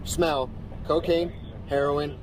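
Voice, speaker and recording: A man's voice: fairly high pitch, steady tone, takes it slowly, crowd noise, poor audio. A man speaking as a canine officer, matter-of-fact and procedural, outdoors beside a vehicle at a roadside stop.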